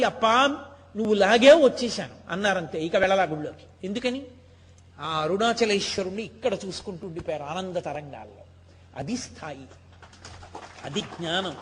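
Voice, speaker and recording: A man gives a devotional discourse in a high-pitched voice. He tells his stories with emphasis and keeps asking rhetorical questions. Long reverb trails after his words. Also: breathy edge. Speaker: spiritual discourse speaker.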